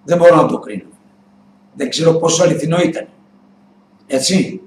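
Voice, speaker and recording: Middle-aged male host, heated swearing rant, higher voice, echoey room with faint noise. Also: darkish tone. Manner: heated, swearing ranter, mimicking dialogues. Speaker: web TV show host. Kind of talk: casual monologue, answering viewers.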